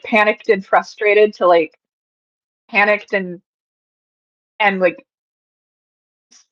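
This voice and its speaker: Slow, hesitant woman player on dull audio. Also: medium pitch. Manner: slow, hesitant, searching for words. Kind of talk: describing her character's actions in a tabletop game.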